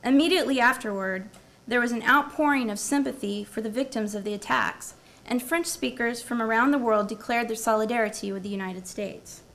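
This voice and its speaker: A woman professor speaks before a live audience at a university symposium, her voice on the high side, a little fast, with a fairly bright tone. She shifts from a prepared academic talk into quizzing the audience and repeating back their answers.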